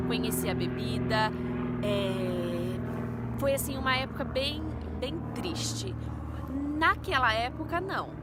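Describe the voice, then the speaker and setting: A vlogger in her twenties with a Brazilian Portuguese accent earnestly shares a personal faith testimony, telling it as a story and addressing viewers as "gente." Her voice is fairly high, and the background is noisy.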